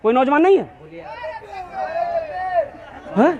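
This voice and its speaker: Casting: a male preacher, high-pitched and lively, urging donations, booming through an echoey loudspeaker. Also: slow pace, a faint crowd. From Kolkata. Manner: animated, joking exhortation. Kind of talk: fundraising sermon at a religious gathering.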